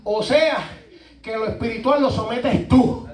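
A man preaching a sermon with fervent, repetitive emphasis that rises to shouting, heard in a church hall. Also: extremely high pitch, unhurried. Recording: echoey church from far off.

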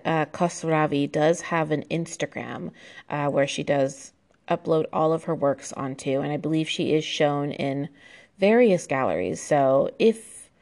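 A woman's voice: sits low, vocal fry, darkish tone. A young American woman hosting a casual solo podcast, chatty and loose with fillers, often laughing between thoughts. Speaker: podcast host.

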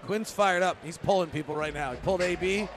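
A man doing live basketball play-by-play, in clipped running descriptions that burst into excited calls. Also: high voice, fast. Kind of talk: live game commentary. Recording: noisy arena sound. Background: gym noise, bouncing basketball.

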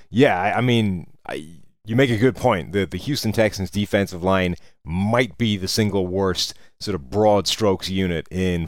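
Low-voiced man giving sports analysis. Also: dry recording, studio quality. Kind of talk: conversational football analysis.

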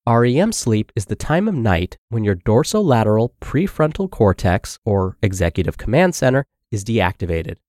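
Congested man narrating with a lively lilt. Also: fairly low pitch, normal speed, few pauses, no echo, studio quality. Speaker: podcast host and narrator. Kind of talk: reading a health blog aloud.

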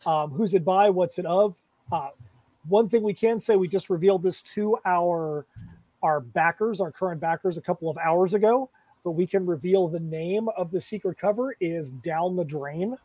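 High mellow-voiced guy rambling happily about his comic, dry room. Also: no echo. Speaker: comic creator. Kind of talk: casual podcast chat.

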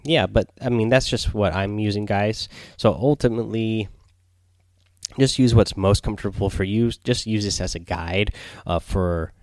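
A man hosting a casual gaming podcast in a quiet, subdued late-night manner, rambling and hesitant as he goes. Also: on the low side, moderate pace, no room sound, clean studio sound. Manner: quiet, subdued late-night delivery, holding back so as not to wake others. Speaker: solo podcast host. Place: small home recording space near bedrooms.

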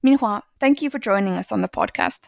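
A woman's voice: medium pitch, brisk, vocal fry, darkish tone, no echo. A woman hosting an academic book podcast, reading a formal, polished introduction and then asking interview questions. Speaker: podcast host.

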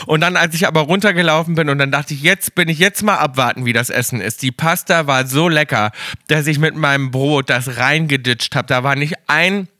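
Bright-voiced playful male podcast host. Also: fairly high pitch, fairly quick, no room sound, clean studio sound. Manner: playful, exaggerated storytelling. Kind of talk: casual chat.

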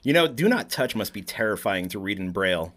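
Male podcast guest, low voice, very lively pitch, animated dad-joke teller. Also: heavy background noise. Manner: animated joke-telling with chuckles and quick asides. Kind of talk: casual joke-swapping chat. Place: small shed podcast studio.

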